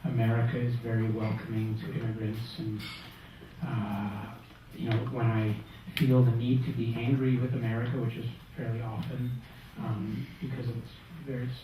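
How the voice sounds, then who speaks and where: A man from Russia answering on a literary panel in a bookstore, speaking thoughtfully with halting restarts. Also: mid-range voice, little pitch movement, background noise. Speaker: panelist, writer. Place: bookstore event room. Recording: echoey room from far off.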